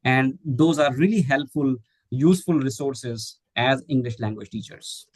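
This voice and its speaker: Unhurried and husky, a mid-range male voice comes through a dry recording. He's an English teacher trainer from India, middle-aged with Hindi as his first language, appearing as a webinar guest and answering hesitantly with many fillers and restarts.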